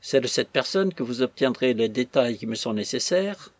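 A man doing a stern, suspicious gentleman. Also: mid-range voice, animated, normal speed, no echo, lightly acted.

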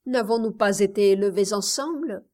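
A woman voicing a gentle young Spanish bride-to-be. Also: medium pitch, normal speed, lightly acted. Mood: pleading, proud. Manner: soft, reproachful delivery.

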